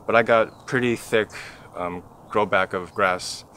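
A young man, a first-year farmer, talking casually in his backyard garden while being interviewed, pausing often with fillers as he thinks. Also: on the low side, a little hiss or hum. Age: young adult. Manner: relaxed, thinking aloud with many fillers. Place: backyard vegetable garden outdoors.

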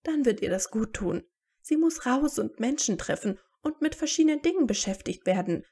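A woman's voice: fairly high pitch, lively intonation, normal speed, warm tone, slightly rough, pitched above the performer's own voice. A woman reading aloud and voicing a motherly middle-aged witch who speaks firmly and caringly. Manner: firm and caring.

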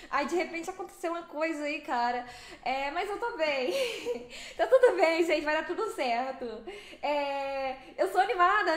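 A young Brazilian woman streaming a driving game, chatting with viewers in a lively, fast way and laughing often. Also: very high voice, roomy sound. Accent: Brazilian Portuguese. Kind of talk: live stream chat with viewers.

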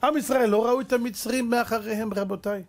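A middle-aged man, a rabbi giving a dramatic lecture full of rhetorical questions, jumping between loud exclamations and hushed asides. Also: very high voice, fairly even intonation. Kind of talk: animated Torah lecture.

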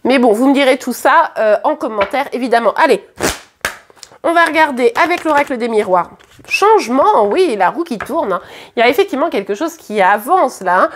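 Speaking animatedly in a high, slightly hoarse voice with a French accent, a woman reads tarot to camera from a table in a room at home. She chats casually, hesitating and restarting often, while a faint hiss or hum runs underneath.

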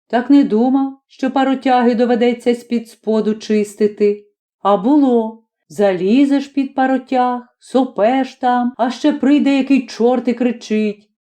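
A woman voicing a grumbling former magistrate, a middle-aged man telling his story in a lively, folksy way. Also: on the high side, close to an everyday voice.

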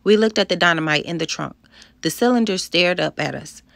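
Low-voiced woman reading a storybook aloud. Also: fairly quick, creaky, no echo. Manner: expressive, voices the dialogue. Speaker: audiobook narrator. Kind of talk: first-person storybook narration.

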